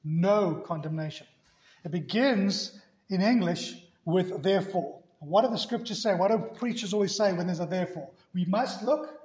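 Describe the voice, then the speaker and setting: In a church, a man preaches a sermon emphatically, repeating key words with rising force. His voice is high and a little mellow at a moderate pace, and the room sounds echoey.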